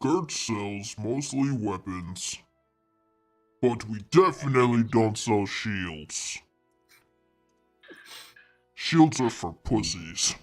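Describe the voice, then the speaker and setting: A game master voicing a big, brash, shirtless male shopkeeper through a voice changer, speaking in blunt, deadpan boasts. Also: fairly low pitch, extremely slow, long pauses, faint music behind, pitched below the performer's own voice. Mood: gruff. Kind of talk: tabletop game character voice.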